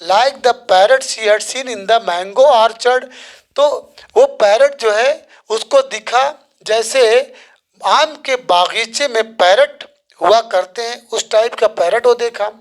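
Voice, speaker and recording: A teacher explaining an English story line by line, reading the text slowly and then retelling it in casual Hindi. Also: mid-range voice.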